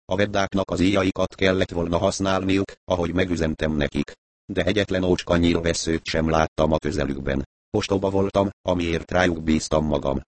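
A man narrating an audiobook in the first person, with a calm, even storytelling delivery. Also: low-pitched.

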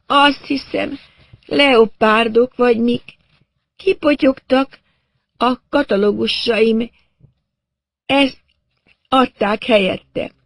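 A man voicing a dazed woman in shock, speaking in halting, breathless fragments. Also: very high-pitched, fairly even intonation, fairly bright tone, no room sound, studio quality, pitched above the performer's own voice, exaggerated voice. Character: dazed middle-aged woman artist in shock.

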